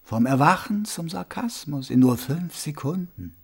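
A man voicing a mysterious unseen male stranger who talks softly and ironically, in a husky, gravelly voice. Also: on the high side, lively intonation, unhurried, heavily acted. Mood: knowing. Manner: soft, ironic, partly whispered.

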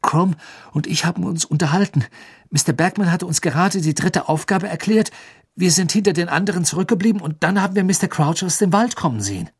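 A man voicing a teenage boy wizard who talks urgently and breathlessly, pleading and shouting, in a husky voice. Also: high-pitched, expressive, a little fast, pitched above the performer's own voice, heavily acted. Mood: anxious.

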